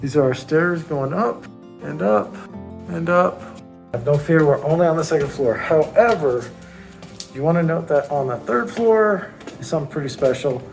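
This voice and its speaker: A man's voice: on the high side, moderate pace, creaky. A man narrating a casual travel vlog, talking to viewers as he goes. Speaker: travel vlogger. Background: music.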